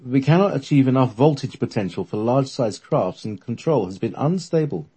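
A man's voice: mid-range voice, expressive, brisk, warm tone, breathy edge, voice pushed up. Man playing a nervous engineer colonel. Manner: shy and nervous. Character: military chief design engineer colonel, nervous.

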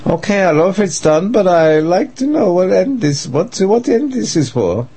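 A man's voice: high-pitched, big pitch swings, moderate pace, mellow, breathy edge, voice pushed up, exaggerated voice. A man voicing a nervous, harried male aide to a dictator in a dramatised story. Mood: frantic, urgent.

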